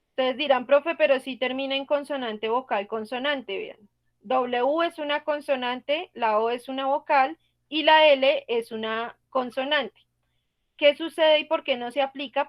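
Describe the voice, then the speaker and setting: A woman's voice: sits high, highs cut off. A woman teaching an online English class, patiently explaining grammar rules step by step and asking the students questions.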